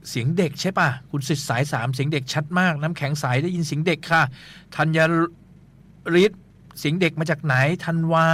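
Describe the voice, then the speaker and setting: A man with a fairly high voice who hosts a call-in show about ghost stories. He is courteous and chatty, and his sentences keep ending in soft polite particles. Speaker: host. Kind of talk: radio phone-in talk.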